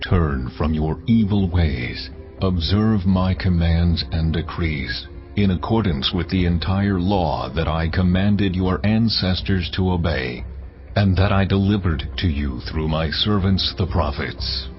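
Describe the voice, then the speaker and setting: A man playing God in a dramatised scripture reading, solemn, stern and deliberate in delivery. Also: low voice. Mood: stern command. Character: God, solemn commanding male divine voice. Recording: dull audio, music underneath.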